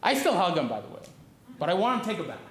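A man's voice: high-pitched, big pitch swings, very fast. A man from the Bahamas preaching a sermon as pastor, earnest and questioning, often repeating and restarting his words.

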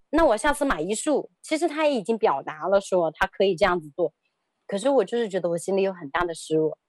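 A woman in her thirties recounts a personal story for an interview. She speaks in a fairly high voice, hesitant and prone to repeating words, with laughter breaking in. The sound is dry and close, with no room echo.

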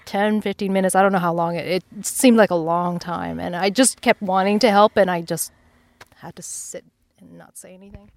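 A woman's voice: lowish voice, fairly even intonation, moderate pace, no echo. A woman with a mid-range voice chatting casually in a car with friends. She talks in a wry, mock-dismissive way. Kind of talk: casual chat.

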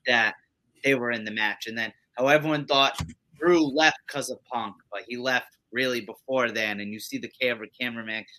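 A man co-hosting a casual wrestling podcast, talking in an animated, rambling way with swearing. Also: mid-range voice, moderate pace. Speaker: podcast co-host.

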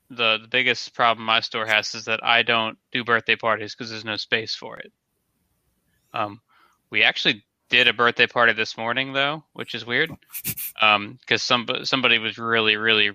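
A man's voice: on the low side, flat delivery, normal speed, pushed and bright, clean tone, dry recording, lo-fi sound. A man co-hosting an online talk show, chatting casually as a store owner, rambling and repeating his words. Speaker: podcast co-host, toy brick store owner. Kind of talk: casual chat.

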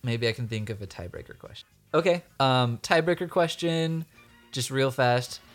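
A man's voice: mid-range voice, normal speed, faint music behind. A man hosting a podcast in casual chat, quizzing and teasing his co-hosts and laughing often. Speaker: podcast host.

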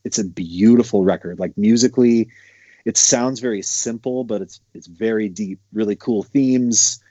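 Man, mellow dark tone, casual rambling talk, dry muffled call audio. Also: lowish voice, moderate pace, no room sound. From Montana. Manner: loose, rambling storytelling with many fillers. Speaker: guest, bass player. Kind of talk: casual conversation.

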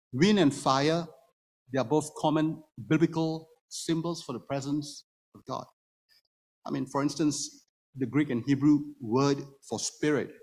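Before a congregation in a church room, a man whose first language is Hokkien Chinese delivers an explanatory sermon, putting rhetorical questions to those listening. His voice is medium-pitched and a little mellow, and the reverberant hall gives it a long echo.

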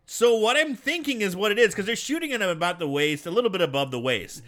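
A man with a high, bright voice gives casual comic commentary as a podcast co-host. He is animated and blunt, with lively swings and sound words. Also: quick pace.

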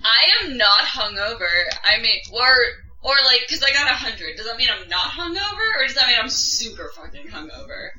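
A woman's voice: a little high, very animated, normal speed, hardly any pauses, pushed and bright. A woman playing a tabletop game, casual and swearing. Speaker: player. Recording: roomy, mic far off.

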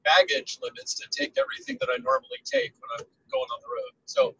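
Speaking from a rental car on the road over a dull lo-fi remote line, this podcast co-host in his sixties sounds tinny, as though boxed inside a tin can, with no echo. His very high, sing-song voice is pushed and bright and comes quickly, while his casual chat rambles, hesitates and trails off mid-thought.

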